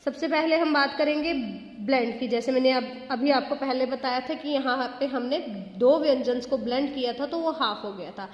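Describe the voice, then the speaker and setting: A woman's voice: sits high, moderate pace, few pauses, muffled recording. A woman teaching a grammar lesson, explaining patiently with repeated questions, mixing phrases into her talk and stretching out example words. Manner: mixes English phrases into Hindi. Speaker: school teacher. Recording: echoey room with long reverb.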